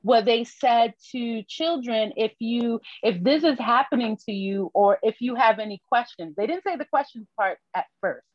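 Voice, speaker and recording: A woman from Haiti, a podcast guest, telling her personal story in a reflective, candid way with halting restarts. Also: on the high side, no echo, lo-fi sound. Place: New York.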